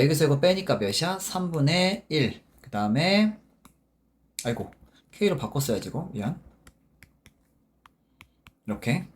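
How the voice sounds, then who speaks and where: Man teaching math with constant check-ins. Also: on the high side. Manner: informal, constantly checking understanding with short tag questions; talks while working problems step by step, with self-corrections. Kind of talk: casual math lecture.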